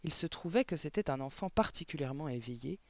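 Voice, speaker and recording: A man narrating a children's novel aloud with clear, expressive reading. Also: on the high side, fast, dry recording. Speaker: audiobook reader. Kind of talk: storybook narration.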